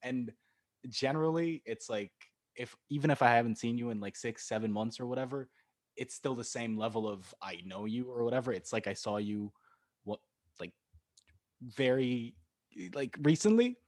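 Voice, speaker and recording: A man's voice: mid-range voice, lively intonation, normal speed, a little mellow. A young man in casual banter with friends on a podcast, talking in slang and swearing freely. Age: young adult. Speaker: podcast co-host.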